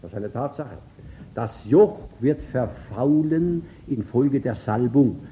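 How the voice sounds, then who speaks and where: A man preaches with fervor. His pitch leaps and falls widely, and he swings from loud calls to near-murmurs. The recording sounds dull and lo-fi. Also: animated, takes it slowly, a little hiss or hum. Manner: emphatic, with sudden swings between loud calls and quiet asides. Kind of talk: sermon.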